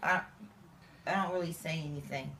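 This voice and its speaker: A woman's voice: low voice, steady tone, moderate pace, vocal fry, a crowd in the background. A woman bantering casually with family in a living room, telling stories in coarse, profane language. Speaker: daughter at home. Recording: faintly noisy handheld home recording.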